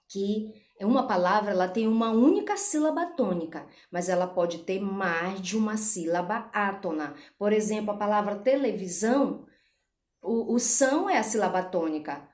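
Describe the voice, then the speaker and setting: A woman teaches a school lesson at a steady, patient pace, leaning hard on each syllable she wants her students to hear. Her voice sits in a middle pitch. The room around her is bare and echoey. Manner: patient, stresses example syllables, frequent "tá certo?". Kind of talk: recorded classroom lesson.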